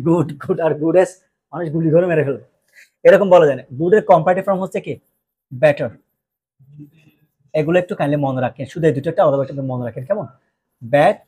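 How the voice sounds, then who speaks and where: Teaching English grammar in Bengali, this Bangladeshi lecturer keeps posing questions to the class and answering them himself, slipping in jokes along the way. He has a fairly high, warm, slightly rough voice.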